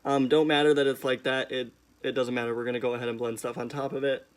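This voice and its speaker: A man's voice: mid-range voice, little pitch movement, fast talker. A young man with a sassy, emphatic drag-queen delivery, chatting casually as he hosts a makeup tutorial. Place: indoors, small room at home.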